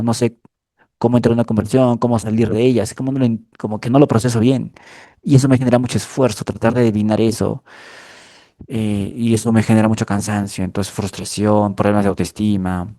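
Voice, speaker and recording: A man's voice: fairly low pitch, mellow, dry recording, studio quality. A man from Peru, giving a clinical lecture and checking in with listeners as he explains. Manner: explanatory, frequent checking tags like "¿ya?". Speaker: lecturer in a mental health course.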